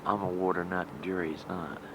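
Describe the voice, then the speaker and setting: Low-voiced guy chatting behind the camera, old camcorder audio, lots of hiss, outdoors by a lake. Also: level tone, a little fast. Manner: chatty, admiring remarks on the scenery. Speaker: home video camera operator. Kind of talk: casual home-video narration. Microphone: built-in camcorder microphone.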